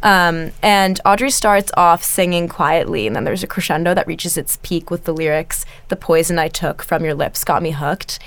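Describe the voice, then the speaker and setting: A woman's voice: lowish voice, normal speed, hardly any pauses, clean tone, dry recording. A young woman hosting a music interview, discussing a song thoughtfully and analytically. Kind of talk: student-style music review and interview.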